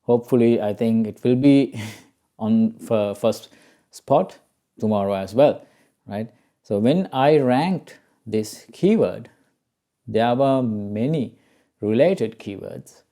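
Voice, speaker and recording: A man with a Sri Lankan accent hosts an informal SEO tutorial, walking through it step by step. His medium-pitched, mellow voice moves slowly with frequent pauses, and he keeps checking in with the listener using "right?" and "okay?"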